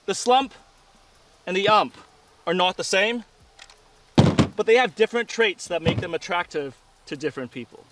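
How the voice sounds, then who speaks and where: A man with a fairly high voice hosts a casual gun review. He sounds a little away from the mic outdoors, with faint noise behind him. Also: animated, moderate pace, long pauses, recorded from a distance. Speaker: firearms review host. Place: outdoor shooting range.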